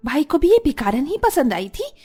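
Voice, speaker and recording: A woman's voice: high-pitched, big pitch swings, moderate pace, mellow, soft background music, voice pushed up. A woman voicing a spiteful, arrogant young sister-in-law in a cartoon story, talking in a sneering, taunting way. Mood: scornful.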